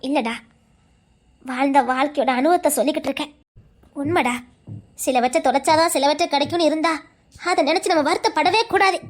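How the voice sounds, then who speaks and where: A woman's voice: sits high, brisk, pauses often, natural voice. A woman playing a loving old grandmother who consoles her grandson, speaking with a Tirunelveli accent in an earnest, reassuring way. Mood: consoling. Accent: Tirunelveli Tamil. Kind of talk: village comedy drama acting.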